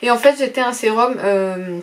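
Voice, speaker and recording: A woman's voice: fairly high pitch, normal speed. A woman reviewing beauty products in a casual vlog, rambling and frank with many fillers and slangy asides. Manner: rambling, full of "euh" and "voilà" fillers. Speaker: beauty vlogger.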